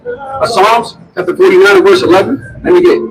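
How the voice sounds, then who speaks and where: A man's voice: high-pitched, fairly quick, recorded from a distance, background noise. A man preaching in the street, emphatic, pressing listeners to answer him back.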